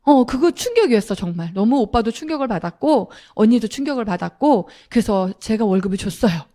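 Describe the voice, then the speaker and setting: A woman's voice: fairly high pitch, animated, a little fast, mellow. A middle-aged woman telling a personal story to an audience, acting out quoted lines with animation. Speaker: speaker at a sales seminar.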